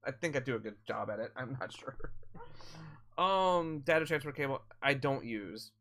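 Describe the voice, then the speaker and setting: A gaming live streamer with a mid-range, expressive and sharp-toned voice chats casually with viewers while playing, answering their questions at a moderate pace. He rambles through his explanations and restarts frequently.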